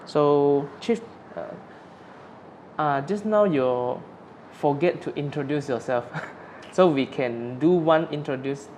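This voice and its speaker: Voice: medium pitch, slow pace, a little mellow, a little hiss or hum, poor audio. An interviewer, asking loosely phrased questions in an informal way.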